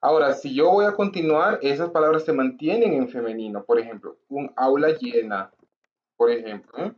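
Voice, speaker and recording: A man's voice: a little high, animated, brisk, muffled recording. A male language teacher explaining grammar patiently, repeating examples and checking in with his listeners. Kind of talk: grammar lesson to camera.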